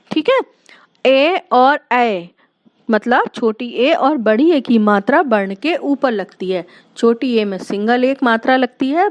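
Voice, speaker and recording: A woman teacher giving a grammar lesson to young children, drawing out each sound and explaining patiently. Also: on the high side. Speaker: school teacher. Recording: muffled lo-fi recording.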